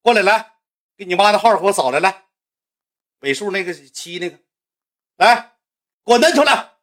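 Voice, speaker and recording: A man doing a deaf old grandpa yelling high. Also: lively intonation, normal speed. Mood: angry yelling. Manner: shouting, blustering.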